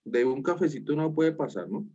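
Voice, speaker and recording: A breezy, encouraging young woman friend talks in a raised, lively pitch, as a man puts her on. The audio is dull and lo-fi, like a video call. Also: normal speed, dry recording.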